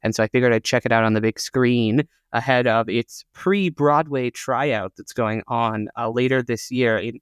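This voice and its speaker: A man's voice: mid-range voice, moderate pace, few pauses, smooth, no echo, clean studio sound. A man co-hosting a theater podcast, chatting casually and reading out show listings with frequent "uh" fillers. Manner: informative, reads out listings with many "uh" fillers. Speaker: podcast co-host.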